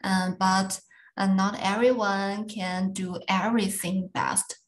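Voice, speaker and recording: A woman student talks slowly and hesitantly on a video call, with simple phrasing. Her voice is echoey and roomy. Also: medium pitch, fairly even intonation. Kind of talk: class discussion.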